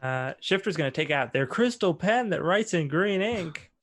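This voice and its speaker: Breezy man, slightly high voice. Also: lively intonation, normal speed, crowd noise. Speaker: player. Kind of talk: casual tabletop play.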